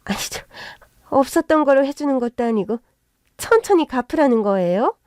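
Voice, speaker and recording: Woman doing a shrill, scolding middle-aged mother-in-law. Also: expressive, moderate pace, no room sound, clean studio sound. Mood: pleading. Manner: sharp, scolding, high-pitched outbursts. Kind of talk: narrated story with acted voices.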